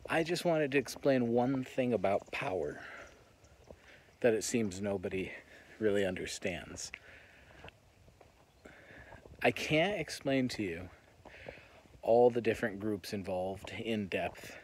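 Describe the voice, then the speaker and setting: A man's voice: lowish voice, darkish tone. American man talking earnestly over ambient noise. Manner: earnest, reflective, talking while walking. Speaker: vlogger. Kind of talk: walk-and-talk monologue. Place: on the move while walking.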